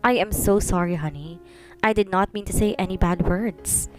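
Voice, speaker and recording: A woman voicing a doting, hot-tempered young male CEO who mixes in English and soft endearments, with faint music behind. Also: mid-range voice, normal speed, lightly acted.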